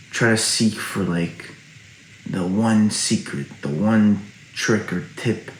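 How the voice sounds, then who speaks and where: A man's voice: on the low side, darkish tone. A pensive man musing aloud in a casual, reflective late-night monologue to viewers. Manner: casual, frequent swearing. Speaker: online video creator. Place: indoor room at night. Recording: roomy indoor echo.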